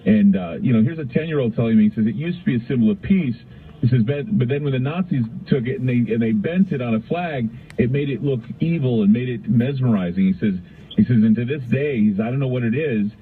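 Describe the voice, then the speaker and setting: Speaking quickly in a mid-range, slightly rough voice, the middle-aged American radio talk show host rambles through stories on his call-in program, looping back to earlier phrases. It comes across with a thin, narrow-band radio quality.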